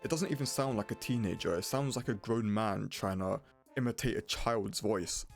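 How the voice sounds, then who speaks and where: Music plays behind a man with a fairly low voice. He narrates a scripted game review, speaking bluntly and casually like an opinionated reviewer. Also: moderate pace, gravelly. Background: prominent music.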